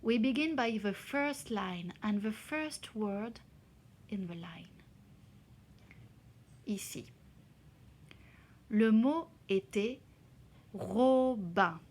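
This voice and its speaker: A woman teacher explaining a reading exercise to children slowly and carefully, sounding out syllables. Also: a little high, expressive, a little mellow. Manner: slow, careful, spelling out syllables. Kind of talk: slow classroom explanation in two languages.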